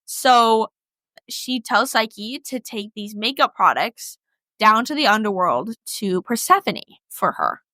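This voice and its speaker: A woman's voice: on the high side, expressive, takes it slowly, sharp tone, dry recording. A young woman co-hosting a podcast, retelling a myth in a chatty, slangy way with lots of "like". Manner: slangy, chatty, heavy use of "like". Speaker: podcast co-host. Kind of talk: casual storytelling.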